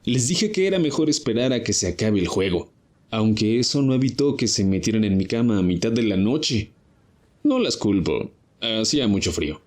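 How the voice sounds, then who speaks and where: A man's voice: fairly low pitch, sing-song, moderate pace, darkish tone. A man voicing a calculating cartoon camper. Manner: matter-of-fact, calculating. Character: calm, scheming young male camper. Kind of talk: confessional monologue in a cartoon.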